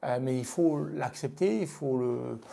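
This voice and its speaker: Gravelly man with a southern French accent. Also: medium pitch, unhurried, mellow. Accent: southern French (Midi). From France, Lozère. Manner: frank, hesitant, many fillers and restarts. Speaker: guest, business leader. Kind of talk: casual interview talk.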